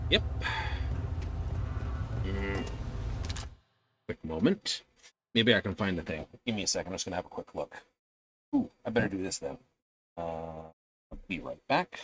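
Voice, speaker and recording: A man's voice: lowish voice, slight background noise. A man giving casual gameplay commentary, muttering and thinking aloud to himself as he goes. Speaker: game streamer.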